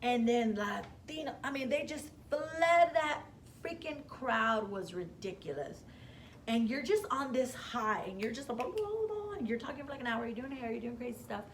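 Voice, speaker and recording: A woman guest, a hair stylist, telling her career story in a casual interview, lively and acting out the voices of people she quotes with gasps. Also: a little high, moderate pace, slight background noise. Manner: animated, acts out quoted dialogue with gasps.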